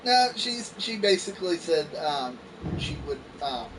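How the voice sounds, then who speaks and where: A man's voice: fairly high pitch, unhurried. A man hosting a casual gaming chat, joking and teasing his friends. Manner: joking, animated, swears freely. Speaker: host. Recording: distant mic with background noise.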